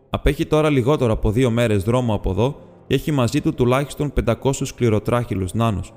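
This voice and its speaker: In an audiobook, a man takes the part of a businesslike, polite male hobbit burglar, his natural voice medium-pitched with a darkish tone. He speaks precisely, courteously and slightly formally, and the clip has long reverb plus faint music.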